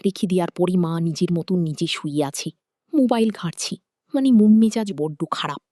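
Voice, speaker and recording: A woman's voice: fairly low pitch, normal speed, warm tone, dry recording, clean studio sound. A woman telling an emotional family story aloud, repeating herself and restarting phrases. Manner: repetitive, with restarts.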